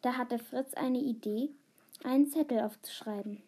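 A woman reading a children's book aloud, unhurried, with small slips and fillers. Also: fairly high pitch, mellow, husky. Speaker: reader.

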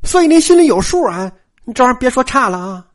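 A man voicing a glib, flattering young male servant who gossips freely in a spoken story. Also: extremely high pitch, voice pushed up. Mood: eager. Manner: chatty and flattering, talks fast.

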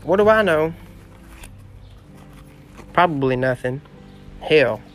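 A man's voice: a little high, lively intonation, slow pace, soft background music. A man, telling a story in a dramatic, exclamatory, gossipy way as a podcast host on his porch. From southeast Missouri. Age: late teens. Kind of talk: casual storytelling monologue. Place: outdoor porch.

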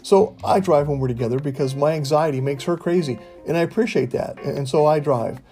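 Folksy older man with a mellow voice. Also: on the high side, fairly quick. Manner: folksy, wry storyteller. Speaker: podcast host. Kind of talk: casual monologue. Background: faint guitar music.

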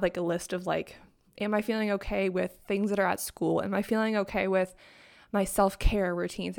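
A young adult woman hosts her own casual solo podcast using her own microphone and laptop. Her voice is on the low side, gravelly and still sleepy from the morning, but her talk is chatty and upbeat, peppered heavily with "like".

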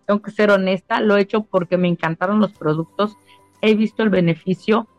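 A woman's voice: mid-range voice, steady tone, brisk, darkish tone, no echo. Woman telling her story. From Mexico. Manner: emotional storytelling, repeats phrases. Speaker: spa owner giving a testimonial. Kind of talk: casual testimonial interview. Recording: dull lo-fi sound with faint music.

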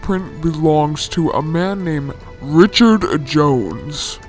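A serious investigator acted by a man in an amateur drama. The delivery is very slow and deliberate, over faint music. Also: a little high, animated. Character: serious investigator briefing on a suspect. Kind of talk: amateur crime drama acting.

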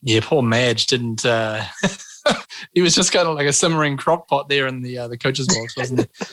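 A man's voice: medium pitch, normal speed, fairly bright tone, dry recording. Male podcast host, New Zealand accent, chatty and informal, very dry close sound. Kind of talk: casual chatty sports podcast hosting.

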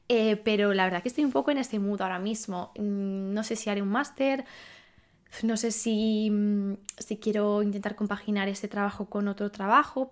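A woman in her twenties from Spain, hosting a podcast and talking casually about her life, thinking aloud with many fillers and questions to herself. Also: mid-range voice. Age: 20s. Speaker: podcast host. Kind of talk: casual monologue.

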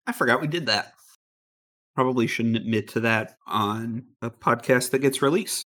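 Brief: man, player at the table, dry deadpan humor. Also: medium pitch, moderate pace. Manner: deadpan joking. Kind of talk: casual tabletop game chat.

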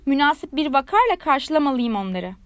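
A woman's voice: very animated, a little fast, dry recording. A woman doing a pompous, conceited firework rocket. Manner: haughty, indignant, high and loud.

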